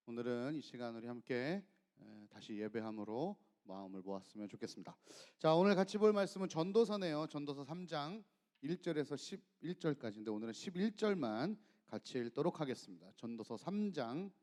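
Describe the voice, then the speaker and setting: Pastor, man, mid-range voice, smooth and resonant, chatty youth-sermon delivery. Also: medium pitch, darkish tone. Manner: friendly, conversational, guiding listeners through scripture. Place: church sanctuary.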